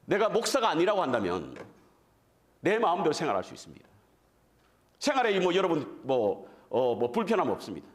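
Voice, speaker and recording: A man's voice: on the high side, brisk, pauses often. A man preaching a revival sermon as guest preacher, in a conversational style that keeps putting questions to the congregation. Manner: animated, addresses the congregation with frequent questions; conversational, self-deprecating asides.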